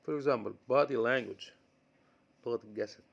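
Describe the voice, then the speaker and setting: An Egyptian man with an Egyptian accent teaches English words. He says each term slowly, then explains it quickly in Arabic. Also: medium pitch, gravelly, highs cut off. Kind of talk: vocabulary lesson mixing English and Arabic.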